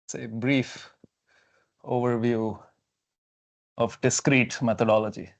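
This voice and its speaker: A young man, English not being his first language, slowly works through a technical seminar at a whiteboard in a lecture hall, thinking aloud casually with frequent okays and fillers. His mid-range voice is gravelly and steady in tone. The clip-on lapel mic audio sounds muffled.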